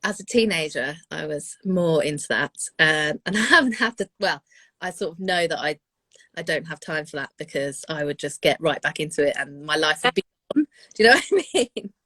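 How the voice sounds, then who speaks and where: A woman recording engineer chatting casually as an interview guest, relaxed and friendly. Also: low-pitched, brisk, no room sound, studio quality. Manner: relaxed, friendly, short backchannels. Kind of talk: casual chat.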